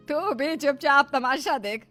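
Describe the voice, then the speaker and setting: A woman voicing a firm, motherly older mother-in-law who scolds gently. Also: sits high, pitched above the performer's own voice, heavily acted. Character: stern but fond older mother-in-law.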